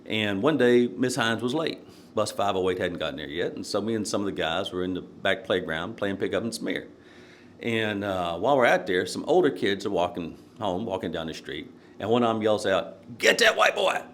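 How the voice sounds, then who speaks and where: An older man from Nashville tells stories in a relaxed, rambling way and stops often for fillers. His voice sits low. A faint hum runs under the recording. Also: normal speed. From Nashville, Tennessee. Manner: rambling, many fillers, chuckles while telling stories. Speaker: podcast guest, court candidate. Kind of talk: casual interview, storytelling.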